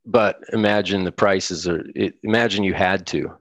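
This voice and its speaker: In a casual interview, a middle-aged American man who plays music rambles along, laughing and starting over often. His low voice moves at a normal speed, and the echo-free recording sounds slightly bright.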